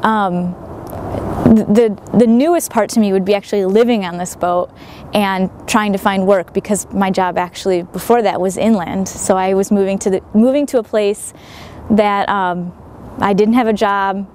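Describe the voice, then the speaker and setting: A woman's voice: medium pitch, steady tone, normal speed, a little mellow, slight background noise. A young woman in her twenties, a sailor and writer, giving reflective interview answers outdoors at a marina, with many fillers and restarts.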